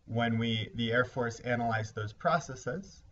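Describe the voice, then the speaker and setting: A man teaching a recorded lesson, explaining ideas step by step in a measured way. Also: mid-range voice, fairly bright tone. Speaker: instructor. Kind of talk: recorded lecture. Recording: slightly dull lo-fi recording with faint hiss.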